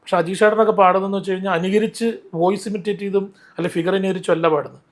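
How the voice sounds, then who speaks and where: A man telling stories in an interview, animated and rambling, often restarting his sentences. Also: high-pitched, racing. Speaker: interview guest, mimicry artist. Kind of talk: casual interview storytelling.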